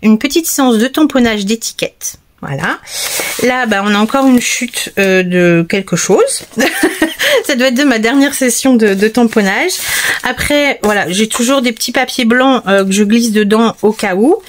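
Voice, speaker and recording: A woman giving a casual crafting tutorial, talking straight to her viewers in a chatty, relaxed way with many hesitations. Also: fairly high pitch, moderate pace, slight background noise. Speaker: paper crafter showing her materials.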